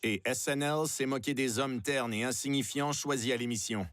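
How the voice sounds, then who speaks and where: A man giving measured, slightly ironic scripted narration for a documentary. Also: medium pitch, fairly bright tone, faint music behind.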